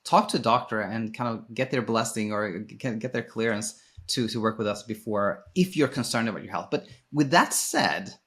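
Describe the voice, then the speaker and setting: A fairly low, fairly bright male voice at normal speed, with hardly any pauses. The speaker, a Swedish sleep coach and former sleep physician appearing as a podcast guest, answers interview questions informally, explaining things and rephrasing along the way.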